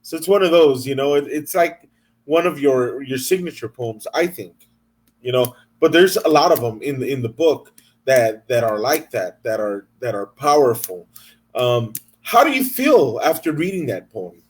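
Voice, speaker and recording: A man's voice: medium pitch, lively intonation, normal speed, husky. A man hosting an interview, enthusiastic and stammering, repeating words as he searches for what to say. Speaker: interview host. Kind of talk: casual interview chat.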